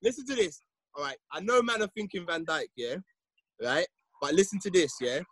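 A high-voiced man with a London roadman accent, hosting a casual football debate. His intonation leaps around as he talks in insistent street slang. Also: big pitch swings, a little fast, a bit bright, slightly rough, no room sound. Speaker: podcast host.

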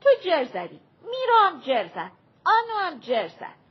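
Storybook kid: woman voicing a complaining little boy, high and loud, dull lo-fi audio. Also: huge pitch swings, full character voice. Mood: accusing. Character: whiny indignant young boy playing tag.

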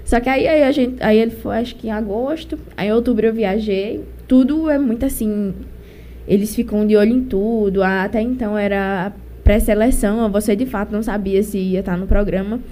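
A woman's voice: mid-range voice, brisk, warm tone. A young woman with a Northeastern Brazilian accent and a cold, telling her story casually and colloquially in an interview. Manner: colloquial, chatty. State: has a cold. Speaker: singer being interviewed.

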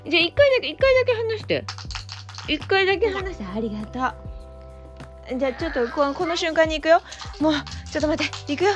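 A high-voiced woman hosts a casual solo podcast as a mother, flustered and laughing while she pleads with her small child to let her talk. Music plays clearly in the background. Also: sing-song, quick pace.

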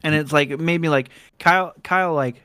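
A man's voice: fairly high pitch, a little fast, bright, forceful tone, clear, resonant tone, no echo, studio quality. A man hosting a podcast, chatting casually and laughing easily, swearing now and then. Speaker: podcast host.

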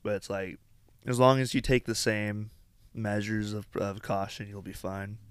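Casual low-voiced man saying "like" a lot. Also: level tone, unhurried, smooth, no room sound. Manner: says "like" a lot. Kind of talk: casual chat.

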